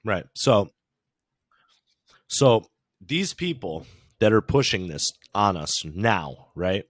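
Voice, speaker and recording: A man's voice: on the low side, very animated, slow pace, no echo, studio quality. A man hosting a podcast, ranting casually and swearing often. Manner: profane, ranting. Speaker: podcast host.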